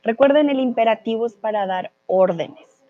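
A woman's voice: on the high side, normal speed, narrow, tinny audio. A woman teaching a live online class, patiently explaining grammar with repeated example sentences. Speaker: Spanish teacher. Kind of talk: live online language lesson.

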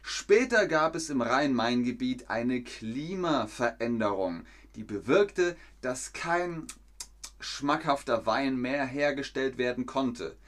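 Man, German teacher, live-stream lesson, mid-range voice, quizzes viewers, reads chat, slow careful repeats, playful jokes. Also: mid-range voice, animated, a bit bright. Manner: asks viewers questions and reads out chat comments; repeats and rephrases sentences slowly for learners.

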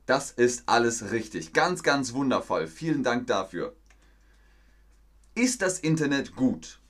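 Slow, patient male language teacher. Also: medium pitch, sing-song. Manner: slow, repetitive, encouraging teacher talk. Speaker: German teacher. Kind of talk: live-streamed language lesson.

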